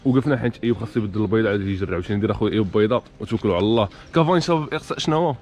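A young man with a Moroccan accent hosting a challenge game, urging the players on with rapid repeated calls and frequent laughter. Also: lowish voice, darkish tone. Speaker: host running a challenge game. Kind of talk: energetic game commentary.

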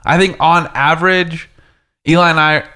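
A man in his thirties co-hosts a casual interview in a smooth, slightly high voice. He talks relaxed and rambles with frequent restarts. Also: moderate pace. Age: 30s. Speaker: co-host.

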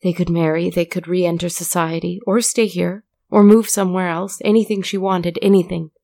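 A woman narrating a story in a measured, deliberate way. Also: lowish voice, fairly even intonation, warm tone, no room sound.

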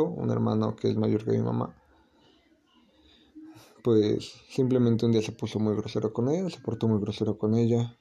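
A man tells a spooky family tale as host of his own show. His voice is heavily gravelly and very dark in color. He talks casually, with pauses and restarts. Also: medium pitch. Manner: relaxed, hesitant storytelling with restarts. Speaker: podcast host. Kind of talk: casual storytelling.

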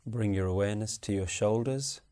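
A man guiding a body relaxation meditation with slow, soothing, unhurried instructions. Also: lowish voice, mellow. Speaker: meditation guide. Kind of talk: guided relaxation script.

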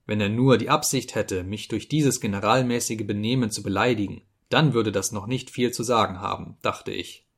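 A man narrating an audiobook in a measured literary reading. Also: lowish voice, breathy edge. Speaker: audiobook reader.

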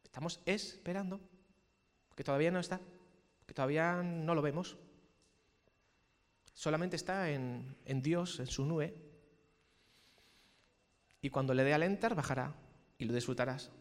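A man from Spain preaching a sermon as pastor, animated and playful, with shouted peaks. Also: a little high, a little slow, long pauses, in a large hall. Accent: Spanish from Spain.

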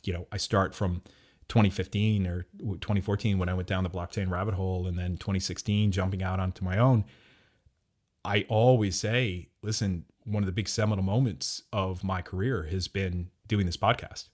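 A man with a low, slightly mellow voice co-hosts a podcast at a moderate pace and fairly even intonation. The talk is casual and reflective, and he rambles somewhat, restarting now and then.

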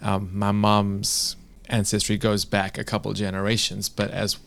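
A man from South Africa talking thoughtfully in a casual conversation, with soft laughs between his points. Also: on the low side, completely flat delivery, unhurried, creaky.

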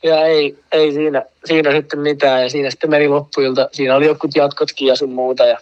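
A man with a slightly high voice rambles through a story in relaxed chat, stacking fillers and asides as he goes. The sound is dull and a bit lo-fi. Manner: rambling, full of fillers, laughs at own story. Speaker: guest telling a story. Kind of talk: casual anecdote.

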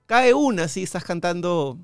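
A man from Peru hosting an interview, showing his guest a card trick with slow, theatrical instructions. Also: high-pitched, animated, gravelly, clear, resonant tone, dry recording, soft background music. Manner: warm, theatrical when leading a card trick. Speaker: interview host and amateur magician. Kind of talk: casual interview conversation.

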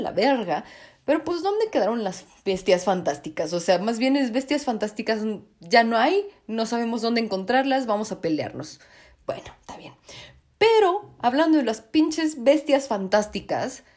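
A young woman with a Mexican Spanish accent rants as a podcast host, her pitch leaping up in indignation and dropping into mumbled asides. She swears freely, with a slightly high voice. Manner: animated, swearing, swinging between indignant outbursts and muttered asides. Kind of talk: casual ranting commentary.

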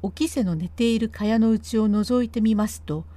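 A woman reading aloud a classic spoken storytelling text in measured, old-fashioned narration. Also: fairly high pitch, warm tone, no echo.

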